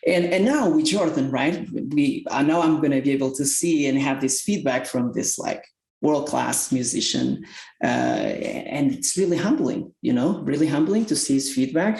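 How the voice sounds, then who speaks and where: A man talks as an interview guest, earnestly hunting for the right English words. His voice is gravelly with a creaky edge. The room around him rings with noticeable echo. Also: mid-range voice, expressive, normal speed, a little mellow. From Portugal. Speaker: tech company executive guest. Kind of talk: podcast interview. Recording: roomy echoey sound.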